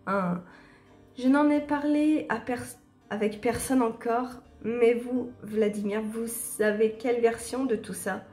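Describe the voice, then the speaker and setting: A woman's voice: fairly high pitch, slow pace, a little mellow, reverberant, faint music behind. Woman reading a shy, hesitant heroine. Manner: hesitant, apologetic. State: sore throat. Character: shy young heroine living among vampires. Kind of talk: reading game dialogue aloud.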